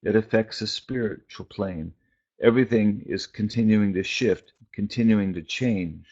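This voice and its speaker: A man giving an informal, reflective sermon in short, halting phrases with long pauses between them. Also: fairly low pitch, a little mellow, breathy edge. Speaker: preacher and spiritual teacher. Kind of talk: informal prophetic sermon on a conference call. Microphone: phone conference call. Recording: dull, band-limited conference call audio.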